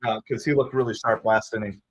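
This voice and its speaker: A man from New Jersey with a Jersey accent, hosting a live fan stream with chatty play-by-play and shout-outs to viewers. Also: on the low side, fast talker, breathy edge. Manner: excitable, chatty, thanks viewers by name. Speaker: livestream host. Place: home streaming setup with green screen.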